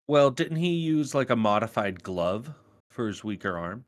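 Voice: mid-range voice, animated, moderate pace, no echo, studio quality. A podcast co-host chatting casually, dropping in brief, playful remarks. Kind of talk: casual chat.

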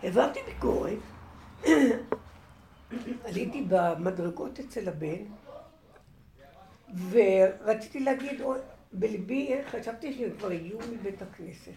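Animated woman telling stories in a roomy room. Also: mid-range voice, pauses often, slight background noise. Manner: expressive, laughs while telling anecdotes. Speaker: participant in a women's study group. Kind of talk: animated storytelling in group discussion.

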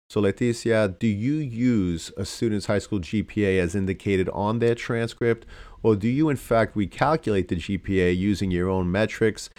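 A man's voice: deep voice, darkish tone. A man hosting a podcast interview, asking questions in a formal, complimentary way. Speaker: podcast host.

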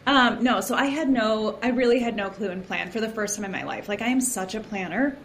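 A woman who is a guest on a podcast, sharing her story in a chatty, animated way with many fillers. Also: mid-range voice, brisk, slight background noise. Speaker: podcast guest, founder of a moms community. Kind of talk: casual podcast conversation.

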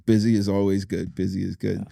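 A man's voice: sits low, level tone, a little fast, gravelly, warm tone. A man hosting a podcast, upbeat and hyping up his guest with loose, chatty talk. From Bahamas. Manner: upbeat, hype-style welcomes, lots of fillers and restarts. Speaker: podcast host.

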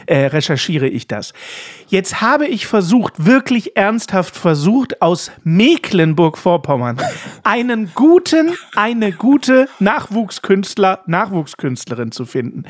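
Lively, animated German podcast host. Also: male voice, high voice. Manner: animated, laughs often while talking. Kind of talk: casual podcast chat.

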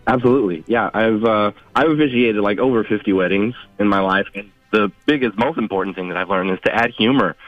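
A man's voice: fairly low pitch, a little fast, few pauses, no room sound. A man calling in to a radio show, giving advice in a casual way. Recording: dull phone call over faint music.

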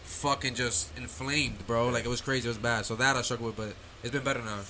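Very bright young man, slangy. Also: medium pitch, steady tone, quick pace, a little hiss or hum. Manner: blunt slangy storytelling. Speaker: podcast co-host. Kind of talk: casual chat.

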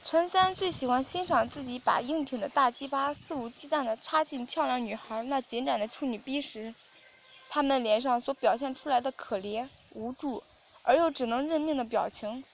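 A woman with a high, light voice narrates an audio story at a steady, even reading pace. The narration is measured and continuous, with a faint hiss in the background.

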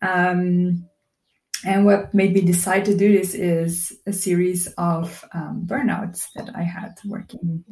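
A woman's voice: on the low side, flat delivery, slow pace, darkish tone. A woman from Belgium, an Ayurvedic practitioner, telling her story as an interview guest in a thoughtful, hesitant way. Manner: thoughtful and hesitant, many ums and restarts. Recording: roomy echo.

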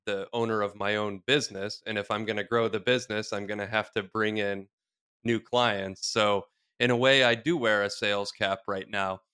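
A man's voice: on the low side, fairly even intonation, moderate pace, pushed and bright, clear, resonant tone. A man hosting a podcast, a small business owner speaking in a direct, plain-spoken way. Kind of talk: casual interview chat.

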